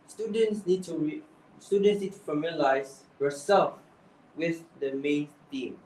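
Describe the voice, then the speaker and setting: Giving exam advice, this young Malaysian-accented man coaches English speaking in an earnest way, frequently starting his phrases over. His voice is on the high side with slight background noise, heard from far off in a room with echo.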